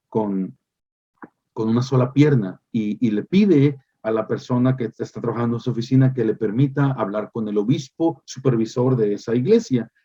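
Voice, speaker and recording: A male pastor with a warm, medium-pitched voice preaches emphatically, repeating phrases and pausing with hesitant fillers. The recording is lo-fi.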